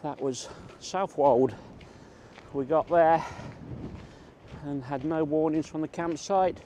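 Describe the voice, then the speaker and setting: A middle-aged man vlogs while walking through a country park, chatting casually to the camera. His voice is fairly high and warm, and he speaks slowly. Faint outdoor ambience can be heard.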